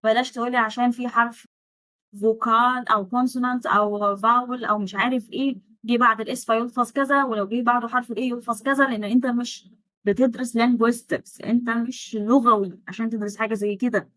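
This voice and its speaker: An Egyptian woman leads an online German lesson in a fairly high voice, chatty and sarcastic. She drills pronunciation by repeating words slowly between rapid asides. The recording is close and dry. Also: fairly even intonation, a bit bright, no echo, poor audio. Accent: Egyptian Arabic. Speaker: German teacher.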